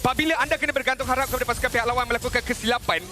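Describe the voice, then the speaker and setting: A man's voice: extremely high pitch, steady tone, rapid-fire, over music. A Malaysian man giving explanatory live esports commentary, mixing English terms into his analysis.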